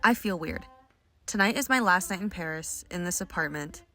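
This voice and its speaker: A woman with a slightly low voice reads from her own diary, one dated entry after another. Her delivery is quiet, subdued and confessional, and it stays close and intimate throughout. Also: animated, moderate pace. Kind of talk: reading personal journal entries aloud.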